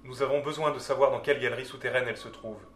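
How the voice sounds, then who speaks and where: A man's voice: mid-range voice, fairly even intonation, racing, a bit bright, soft background music, lightly acted. A man playing a determined rebel petitioner in an audio drama, speaking formally and earnestly. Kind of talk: French audio drama acting. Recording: echoey room, faint background noise.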